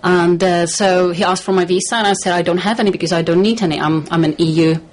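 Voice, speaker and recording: Soft, flat-voiced woman guest. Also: fairly low pitch, slight background noise, poor audio. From Czech Republic. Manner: measured, hesitant with many fillers. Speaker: studio guest. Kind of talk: radio interview. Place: radio studio.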